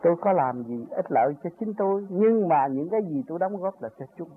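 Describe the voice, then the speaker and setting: An older man with a high-pitched voice gives a rambling spiritual talk about his own path, pushing up into emphatic peaks. The recording is tinny and narrow, like a phone line, with a faint hiss underneath. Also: expressive, a little fast.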